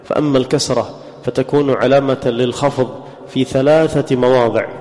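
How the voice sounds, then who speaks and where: A male grammar teacher giving a classroom lesson in a medium-pitched voice. He puts questions to his students and drills example words one at a time. His voice rings out with a long hall reverb. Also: steady tone, fairly quick, a little mellow.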